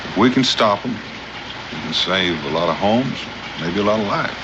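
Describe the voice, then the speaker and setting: An actor playing a steady, principled frontiersman in a 1960s TV western, with a plain-spoken, folksy cowboy manner. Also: on the low side, normal speed, lightly acted. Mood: earnest. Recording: muffled, noisy old TV soundtrack.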